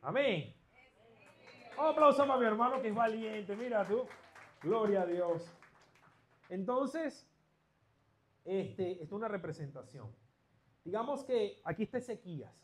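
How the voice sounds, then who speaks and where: A male preacher giving a lively sermon in church, acting out a story with humor. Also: high voice. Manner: lively, playful storytelling with jokes.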